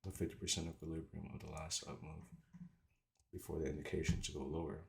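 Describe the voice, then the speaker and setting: Very deep gravelly man, slight retainer lisp. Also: level tone. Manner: informal, halting, thinking aloud. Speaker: trader doing market analysis. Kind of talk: casual screen-share commentary.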